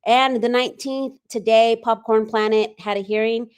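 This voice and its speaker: A woman's voice: on the high side, fairly even intonation, moderate pace, clear, resonant tone. A woman hosting a casual livestream, chatting loosely and reading viewer comments aloud with frequent ums. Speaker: livestream host.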